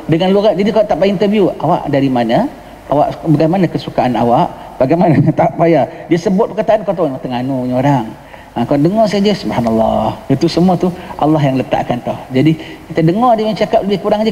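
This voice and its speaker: A man's voice: on the high side, animated, fast, mellow, slight background noise. Johor Malay man teaching in an echoey mosque. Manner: explains patiently, mixes in English words, asks the listeners "ha?". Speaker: religious teacher. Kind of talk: mosque lecture on a religious text. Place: mosque hall. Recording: long hall reverb.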